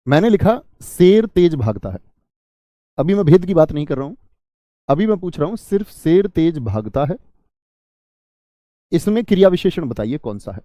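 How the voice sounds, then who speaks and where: A man's voice: fairly high pitch, sing-song, normal speed, long pauses, dark tone, no room sound, studio quality. A man teaching Hindi grammar in an online class, asking students questions, answering them himself and repeating key words.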